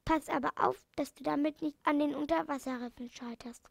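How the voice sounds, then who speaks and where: A woman's voice: high voice, steady tone, fairly quick, gravelly, no echo. A woman reading the part of a friendly, generous old male sailor in a storybook. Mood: obliging.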